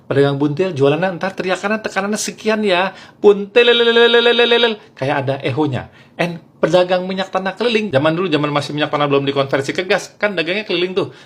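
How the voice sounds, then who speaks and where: A man giving a stand-up comedy monologue, animated and mimicking vendors' calls. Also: a little high, breathy edge.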